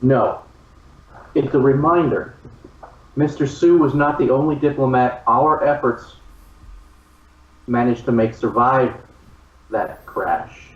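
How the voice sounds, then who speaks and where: A man's medium-pitched voice comes from off the mic in a roomy space. He is a tabletop player negotiating in measured, halting phrases, and the sound is a little dull. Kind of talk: in-character negotiating at a game table. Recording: roomy, distant, slightly dull microphone.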